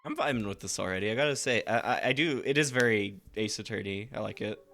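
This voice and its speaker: Guy streaming a detective game, excitable, swears a lot, bright sharp voice. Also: lowish voice, fast talker, creaky. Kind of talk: casual game commentary.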